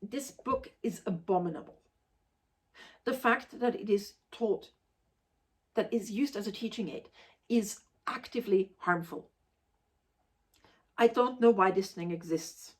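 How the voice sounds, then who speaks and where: A woman's voice: medium pitch, a little slow, pauses often, a little mellow. A woman in her forties from Austria, giving a casual spoken book review in an emphatic, articulate, forthright way.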